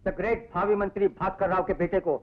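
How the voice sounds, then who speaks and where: A man's voice: high voice, fairly even intonation, brisk. An arrogant politician father. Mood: haughty. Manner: haughty, threatening. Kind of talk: Hindi film dub. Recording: tinny film soundtrack with clear music.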